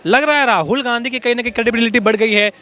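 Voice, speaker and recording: A man's voice: very high voice, rapid-fire, sharp tone. A man working as a street reporter, pressing passers-by with repeated questions outdoors.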